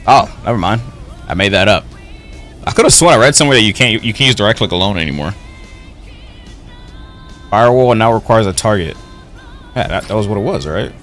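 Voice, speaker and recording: A young man streams a video game with casual, profane commentary, thinking out loud in slang. His voice sits fairly low but jumps around in pitch. Game music plays clearly behind him. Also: lively intonation, fairly quick, pauses often. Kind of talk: casual live gameplay commentary. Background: video game music and effects.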